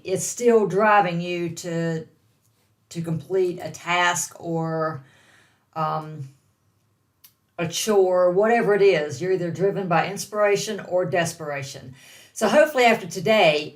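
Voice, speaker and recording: A woman with a Southern American accent, giving an earnest, direct motivational training for online business beginners. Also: mid-range voice. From Southern United States. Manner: earnest, repetitive, direct coaching. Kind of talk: motivational training talk to camera.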